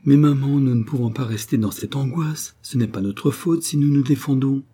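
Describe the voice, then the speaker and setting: A man's voice: mid-range voice, moderate pace, mellow, breathy edge, pitched above the performer's own voice, close to an everyday voice. A man reading a storybook, voicing a passionate, headstrong young woman in love, pleading and exclamatory. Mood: indignant.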